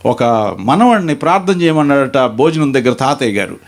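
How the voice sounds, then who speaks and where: A man preaching a sermon in a storytelling way, reading scripture slowly and emphatically. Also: medium pitch, big pitch swings.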